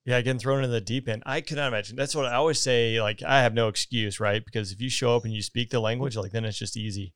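A man's voice: medium pitch, fairly even intonation, fast, few pauses, a bit bright, clean tone. A man with a Southern American accent hosts a podcast and asks questions in a friendly, easygoing way. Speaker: podcast host, Air Force recruiter. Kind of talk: casual podcast interview.

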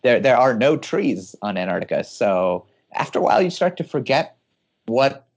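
A man's voice: medium pitch, big pitch swings, moderate pace, lo-fi sound. A man from California, a guest engineer giving eager, explanatory interview answers and laughing often as he talks.

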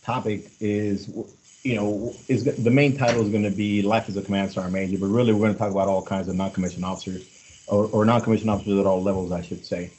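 A man in his forties, an army command sergeant major, leading a casual group talk, halting with many fillers and restarts. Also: fairly low pitch, steady tone, darkish tone, slight background noise, rough recording. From born in Mexico, raised in Los Angeles. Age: 40s.

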